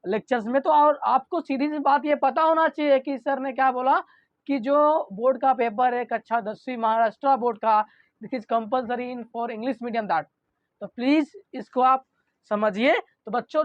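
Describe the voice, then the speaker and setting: A male teacher giving an online grammar lesson. He keeps asking rhetorical questions, answers them himself, and reads example sentences out slowly. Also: extremely high pitch, dry recording. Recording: dull lo-fi recording.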